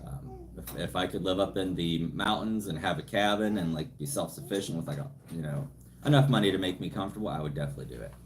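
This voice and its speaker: A deep-voiced, fast-talking man from California hosts a laid-back live Q&A at home. Rambling and making fun of himself, he reads out viewer comments, his phone positioned a little way off.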